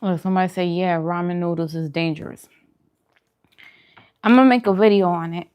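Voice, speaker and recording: Hosting a vegan mukbang livestream, this woman answers viewers casually, handing out strong food opinions and repeating phrases to drive them home. She has a fairly low, steady, smooth voice, a little mellow, and talks fairly quickly.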